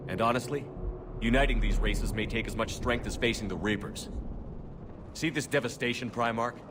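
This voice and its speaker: A man's voice: mid-range voice, moderate pace, background noise, natural voice. An actor playing a resolute, no-nonsense male military commander in a sci-fi video game. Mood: earnest, persuasive. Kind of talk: cinematic sci-fi game acting.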